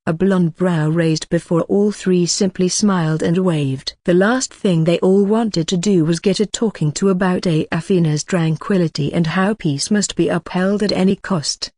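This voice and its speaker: An audiobook narrator reading a fantasy novel with steady, even storytelling. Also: medium pitch, no room sound, clean studio sound. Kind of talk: scripted narration.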